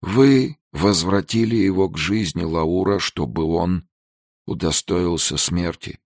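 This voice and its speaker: A man's voice: sits low, slow, no room sound, studio quality, pitched above the performer's own voice, heavily acted. A man voicing a grave, mournful older male institute director in a storybook reading. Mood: sorrowful.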